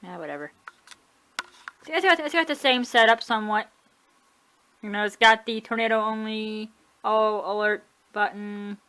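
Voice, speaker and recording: Showing her collection in a casual video tour at home, a woman speaks in a bright, forceful, mid-range voice at a moderate pace with long pauses. She's chatty and offhand, often correcting herself and shrugging things off.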